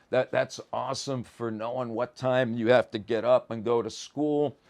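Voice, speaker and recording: In a casual lecture for a course on psychology and philosophy, a man talks in a mid-range voice. Everyday examples and colloquial phrasing carry his explanations, and a slight stammer often appears when he starts speaking a phrase.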